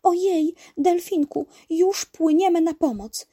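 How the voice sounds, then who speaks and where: A woman's voice: very high-pitched, slow pace, pitched above the performer's own voice. A woman voicing a timid little female kitten in a children's story. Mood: excited. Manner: timid, then excited and eager.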